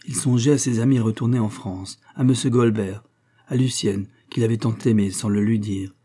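Male narrator, audiobook, husky, dark mellow voice, measured. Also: fairly low pitch, steady tone. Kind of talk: scripted narration.

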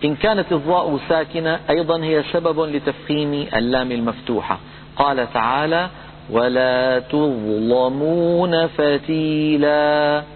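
A man teaching Quran recitation rules, patiently repeating points and slowly chanting example words. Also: medium pitch. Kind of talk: lesson on tajweed rules. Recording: phone-like audio with hum and reverb.

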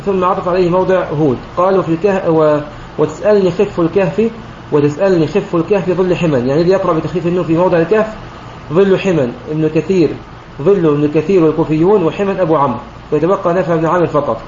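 A man, a sheikh, explains a recitation poem line by line in a methodical way, often clearing his throat and correcting himself. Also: on the high side, rapid-fire, darkish tone. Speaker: sheikh teaching Quranic recitation. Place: online voice chat room. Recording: roomy, dull lo-fi online voice chat with faint noise.

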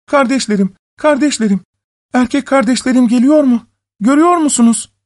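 A man voicing a frightened young wife who pleads in a high, tearful voice. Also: animated, normal speed, dark tone, dry recording, clean studio sound. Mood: pleading.

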